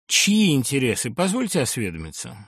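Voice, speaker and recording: A man's voice: medium pitch, huge pitch swings, fairly quick, slightly rough, dry recording, clean studio sound, heavily acted. A man playing an exasperated older professor. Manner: exasperated, hesitant, formal. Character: irritable eminent older male professor. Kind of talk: audiobook character reading.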